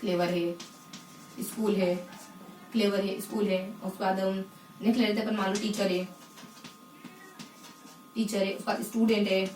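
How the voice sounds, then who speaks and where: A woman teaching English phonetics in a lesson, asking the class questions and answering them herself, and repeating key words slowly. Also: mid-range voice, level tone, a little mellow, reverberant, recorded from a distance, soft background music. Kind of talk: explanatory lesson in Hindi.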